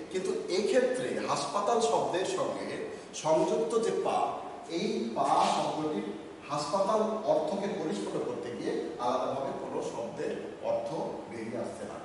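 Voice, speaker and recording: A male teacher giving a slow, measured grammar lesson with pauses between words, recorded in an office room. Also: high voice, animated, slight background noise. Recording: echoey room from far off.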